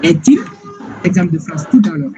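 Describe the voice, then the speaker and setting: A man teaching English grammar in a slow, repetitive classroom style, often checking whether listeners follow. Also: on the high side, animated, loud music behind the voice. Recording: dull lo-fi sound with clear background noise.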